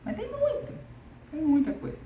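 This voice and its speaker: A woman's voice: extremely high pitch, very animated, moderate pace, dark tone, lo-fi sound, slight background noise. A woman coach with a Brazilian Portuguese accent giving a casual video lesson, reflective and repeating her key questions. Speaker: communication coach. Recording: echoey room with faint ambience.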